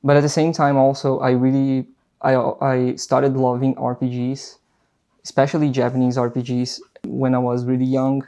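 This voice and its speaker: A young Brazilian man rambles to camera in his unscripted vlog, speaking English with a Portuguese accent and lots of fillers and restarts. His mid-range, dark-toned voice is completely flat in delivery, at a moderate pace.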